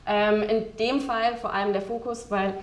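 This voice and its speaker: A woman's voice: medium pitch, fairly even intonation, moderate pace, echoey room. A woman guest in a casual interview, rambling with many fillers and frequent laughs. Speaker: guest, game developer.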